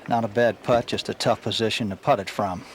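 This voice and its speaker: A man's voice: fairly low pitch, steady tone, brisk, very noisy. A man giving live golf commentary in an informal, colloquial way.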